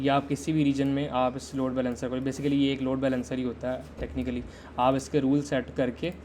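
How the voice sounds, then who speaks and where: A man's voice: medium pitch, a little mellow, a little hiss or hum. A man teaching a live-streamed system design lesson in a conversational way, quizzing viewers and waiting for answers in the chat. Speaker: tech instructor.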